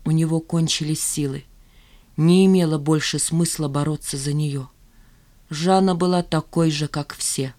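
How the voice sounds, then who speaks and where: A woman reading a novel aloud as an audiobook in steady, measured narration. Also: fairly low pitch. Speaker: audiobook reader. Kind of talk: scripted narration.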